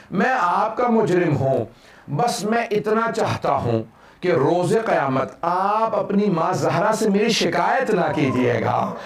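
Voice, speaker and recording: Brief: preacher doing a remorseful warrior, pleading low, echoey hall, far from the mic. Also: male voice. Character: repentant warrior pleading for forgiveness, male adult.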